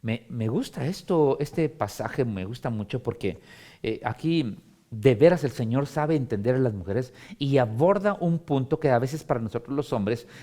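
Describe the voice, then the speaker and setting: A man, a pastor leading a Bible study, expressive and given to emphatic repetition. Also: mid-range voice, moderate pace. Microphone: streamed broadcast.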